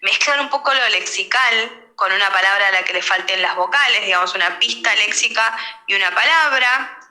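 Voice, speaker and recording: Woman teaching, very bright edgy tone, roomy echo, explains step by step. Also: mid-range voice, normal speed. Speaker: speech therapy lecturer. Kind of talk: online lecture with slides.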